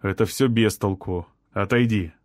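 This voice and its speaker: A man voicing a composed lawyer who gives calm, firm instructions during a rescue. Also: fairly low pitch, normal speed, dry recording, studio quality, natural voice.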